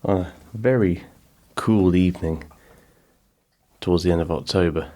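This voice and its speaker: A middle-aged man with a deep, warm voice hosts a podcast at normal speed, chatting casually and rambling with self-deprecating humor. He's recording from a small home-built pub in a garden outbuilding.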